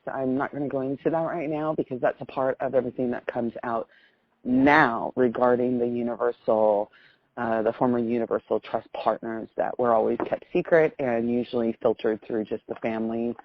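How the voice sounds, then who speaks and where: Over a muffled phone connection with no echo, a middle-aged American woman with a very deep voice tells a casual personal story. Her telling is effusive and rambling.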